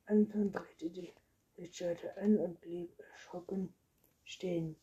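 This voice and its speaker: A woman with a very breathy voice narrating a children's storybook in a soft, half-whispered reading. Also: lowish voice, fairly even intonation, slow, highs cut off. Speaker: audiobook narrator.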